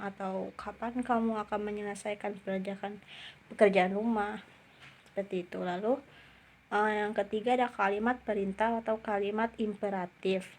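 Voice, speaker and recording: A young woman student gives a class presentation in a careful, measured reading voice. Her pitch sits in an ordinary middle range, and now and then she pauses on a small filler. A faint hiss of background noise runs under the recording.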